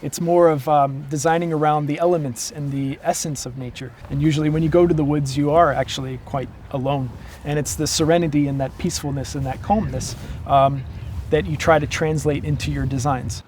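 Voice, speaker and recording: An American man talks through his work as a car designer, easygoing and thoughtful, pausing on ums. His voice sits a little high, with faint outdoor noise behind him. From United States. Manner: relaxed, thoughtful, with frequent ums. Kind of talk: explanatory interview talk.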